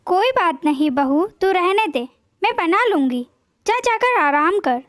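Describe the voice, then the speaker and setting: Kind older mother-in-law, read by a woman narrator: gentle, affectionate, very high voice. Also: animated, measured pace, no echo, clean studio sound.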